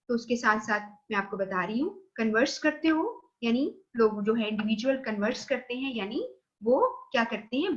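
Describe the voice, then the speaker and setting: A woman's voice: a little high, fairly bright tone. Pakistani woman lecturer, dull recording. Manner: explains slide points, checks understanding with "theek hai"; mixes English terms into Urdu explanation.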